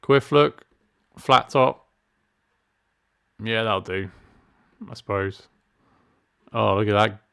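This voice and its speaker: A middle-aged gaming streamer with a lowish, fairly bright, clean voice talks slowly and creakily, leaving long pauses. He chats casually in let's-play commentary, poking fun at himself and reading game menu options aloud.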